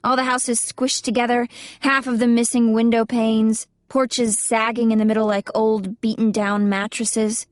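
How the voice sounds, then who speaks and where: A young adult woman narrating a first-person audiobook, her voice fairly high and recorded close and dry with no room sound. She reads in a measured, expressive way. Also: dry recording.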